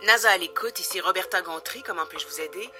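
A woman's voice: on the low side, quick pace, lightly acted. A woman playing a female phone operator, polite and formal in a scripted call-center manner. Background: loud music.

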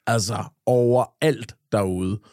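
A man's voice: on the low side, fairly even intonation, darkish tone, no echo, studio quality. A man, co-hosting a podcast and telling rambling anecdotes, full of restarts and swearing. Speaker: podcast co-host. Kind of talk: casual chat, storytelling.

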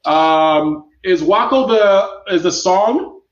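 A man's voice: high voice, lively intonation, slow, roomy sound, muffled recording. A man hosting a live online stream, upbeat and chatty, reading out viewers' chat guesses. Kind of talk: lively interactive hosting. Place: indoor room, talking away from the mic at times.

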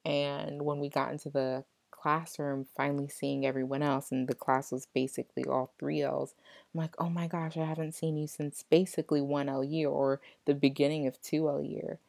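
Deep-voiced, gravelly young woman chatting. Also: flat delivery, moderate pace, darkish tone, dry recording. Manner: chatty, lots of fillers and restarts. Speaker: law student. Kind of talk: casual chat.

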